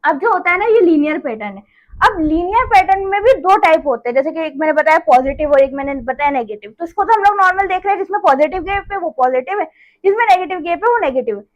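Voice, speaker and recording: A woman teaches a maths lesson in a relaxed, chatty way. Her voice sits very high, and she keeps checking in with her students as she repeats each step. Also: quick pace, dull audio. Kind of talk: casual classroom lesson.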